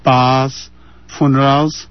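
Speaking very slowly and in a level tone, this Ghanaian man in his thirties has a medium-pitched voice and answers interview questions earnestly, repeating phrases for emphasis. There's no room sound, though the audio is slightly dull, like a remote connection from his house.

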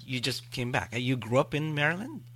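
A man's voice: mid-range voice, expressive, fairly quick, pushed and bright. A man hosting a podcast, chatting casually and rambling with many fillers and restarts. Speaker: podcast host.

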